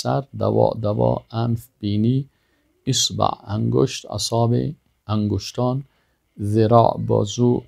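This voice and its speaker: A man teaching Arabic vocabulary, saying each word slowly and then giving its meaning. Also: medium pitch, vocal fry, mellow. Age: older.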